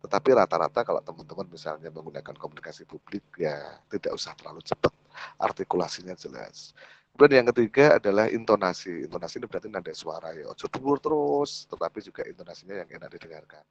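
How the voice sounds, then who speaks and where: A man with a Javanese accent giving an online public speaking workshop in a lively way, often slipping into Javanese asides. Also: low-pitched, fast talker, breathy edge, muffled recording. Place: home or office, video call.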